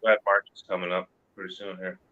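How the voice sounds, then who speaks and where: A man's voice: low voice, level tone, brisk, pushed and bright. Man talking through a voice changer. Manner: loose, rambling with many fillers. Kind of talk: casual chat. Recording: dull lo-fi sound.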